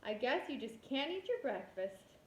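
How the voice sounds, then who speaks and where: A woman's voice: high-pitched, big pitch swings, moderate pace, recorded from a distance. A woman voicing a brash, sassy female fairy in a storybook, indignant and incredulous. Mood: indignant, amazed. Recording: roomy echo.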